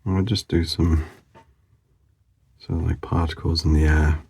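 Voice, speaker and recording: Deep gravelly mumbling man drawing. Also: flat delivery, unhurried, dark tone. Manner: mumbling, rambling, self-talk with fillers. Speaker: drawing channel host. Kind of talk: casual mumbled commentary while drawing.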